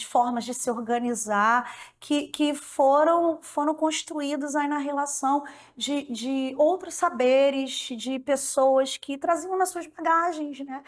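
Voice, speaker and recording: A woman giving a documentary interview, speaking deliberately and hesitating, often repeating words. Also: high-pitched.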